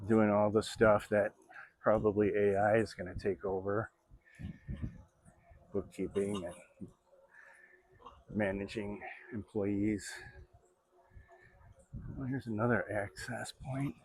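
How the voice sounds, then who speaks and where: A man in his sixties from Florida vlogs from his bike on an outdoor trail, chatting in a rambling way with many fillers. His husky, fairly low voice is fairly even and slow, broken by long pauses, and the audio is poor.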